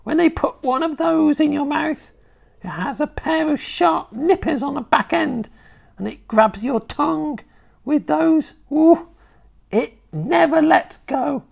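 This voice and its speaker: Sinister old granny witch, shrill and cackly, then low throaty whisper, slow and creepy. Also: animated, vocal fry, muffled recording, heavily acted. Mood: shrill, taunting. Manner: slow, drawn-out menacing delivery. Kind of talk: storybook reading.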